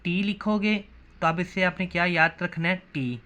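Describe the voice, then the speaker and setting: Bright-voiced man teaching shorthand. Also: sits high, moderate pace. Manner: repeats questions and answers them himself. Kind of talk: classroom lesson.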